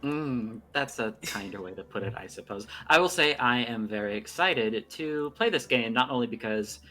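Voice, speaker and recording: A man's voice: medium pitch, animated, normal speed, sharp tone. A man in casual livestream banter, greeting chat as he streams a game.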